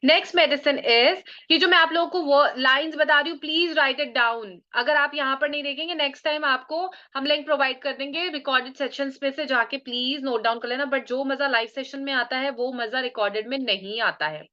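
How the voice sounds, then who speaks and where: Bright high-voiced woman teaching online. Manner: mixes Hindi and English, slow and spelled out for key terms; checks in with listeners often. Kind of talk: live online lecture. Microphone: computer mic on a video call. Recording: muffled video call audio.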